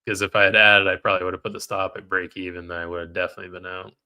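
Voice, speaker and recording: A man's voice: deep voice, flat delivery, racing, bright, forceful tone, smooth. A man trading live on a stream, reading out viewer comments and venting when trades go against him. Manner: frustrated, talks to chat while reading comments. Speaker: livestream trader.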